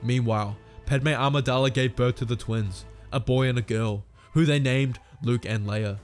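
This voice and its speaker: A man giving steady, dramatic scripted storytelling narration. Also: mid-range voice, moderate pace, faint music behind.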